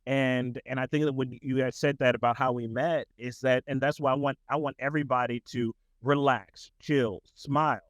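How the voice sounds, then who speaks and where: Smooth-voiced man chatting on a podcast. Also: mid-range voice, fairly even intonation, moderate pace, few pauses, no room sound. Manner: loose, rambling, lots of "like" and restarts. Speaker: tutor director, podcast guest. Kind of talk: casual podcast chat.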